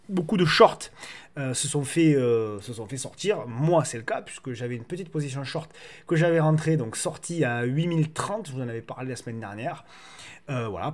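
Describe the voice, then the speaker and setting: A man's voice: medium pitch, darkish tone. A man hosting a casual market commentary video, repeating words as he feels his way through his phrasing. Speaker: host of a stock market analysis show.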